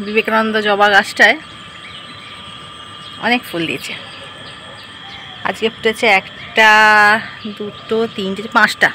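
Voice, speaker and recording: A woman's voice: mid-range voice, bright, forceful tone. Chatty woman vlogger, noisy phone audio. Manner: chatty, narrating her morning routine. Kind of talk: casual chat to camera. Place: rooftop and home, outdoors and kitchen.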